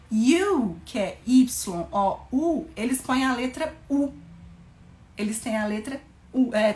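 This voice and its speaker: Teacher, woman, casual lesson tone, higher pitched, spells words slowly, echoey room. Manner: spells out words letter by letter, slows for English examples. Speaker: English teacher.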